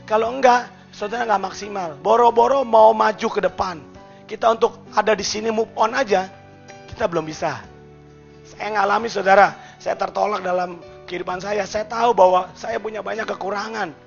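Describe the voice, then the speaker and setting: Male pastor, high gravelly voice, sermon swinging loud to hushed; lo-fi church tape, faint music. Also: steady tone, normal speed. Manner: swings between loud calls and soft hushed passages, addresses listeners as "saudara".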